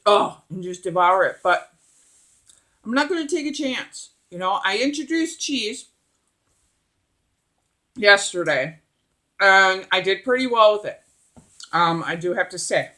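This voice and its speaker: Bright, forceful middle-aged woman chatting while eating. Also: medium pitch. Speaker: mukbang vlogger. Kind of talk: casual chat while eating.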